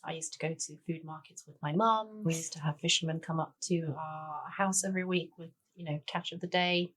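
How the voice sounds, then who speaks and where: Born in Denmark and raised in Tanzania, a guest chef and cookbook author in her forties talks casually in a conversational interview, peppering her speech with "sort of" and "you know." Her low voice holds a steady tone, fairly bright, and moves fairly quickly.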